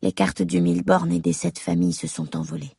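A woman reading a first-person audiobook in a measured, intimate tone, as if talking to her mother. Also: lowish voice, big pitch swings, creaky, dark tone, slightly rough, no room sound, studio quality. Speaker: audiobook narrator.

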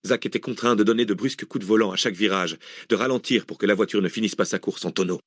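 A man with a fairly low voice narrates a thriller audiobook in a steady, measured reading. The recording is close and dry, with no room sound. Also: breathy edge, dry recording.

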